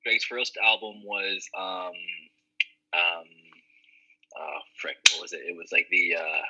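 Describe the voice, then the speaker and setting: A man's voice: deep voice, slow, bright, forceful tone, rough recording. A man answering quiz questions in a laid-back, slangy, playfully self-mocking way. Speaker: quiz contestant. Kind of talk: casual chat.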